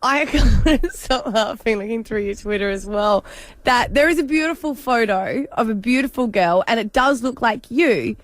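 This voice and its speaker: A woman's voice: fairly high pitch, expressive, normal speed, no room sound. A woman co-hosting breakfast radio, playful and teasing. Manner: playful, teasing, laughs easily. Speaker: radio co-host.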